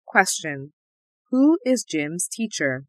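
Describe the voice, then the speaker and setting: A woman reading an English listening test in a slow, carefully enunciated way. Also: fairly low pitch, big pitch swings, a bit bright, no room sound. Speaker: test audio reader.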